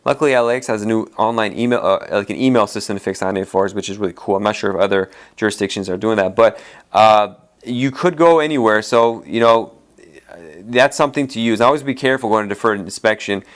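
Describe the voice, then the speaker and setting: A man's voice: lowish voice, fast talker. A man who is an immigration attorney, hosting a solo podcast in a casual, rambling way with many fillers and restarts, his voice tired from a long day of talking.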